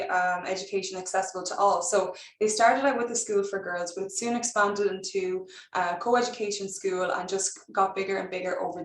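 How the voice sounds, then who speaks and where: Young woman, west of Ireland accent, mid-pitched, presenting informally as a recruiter in a roomy, echoey space. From Galway, west of Ireland. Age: 20s. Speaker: recruitment officer. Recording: roomy echo, distant microphone.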